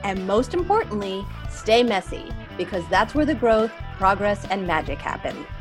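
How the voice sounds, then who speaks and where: A woman's voice: medium pitch, sing-song, normal speed, faint music behind. A woman co-hosting a podcast, giving advice in a friendly, matter-of-fact way. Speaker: podcast co-host. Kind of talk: casual podcast chat.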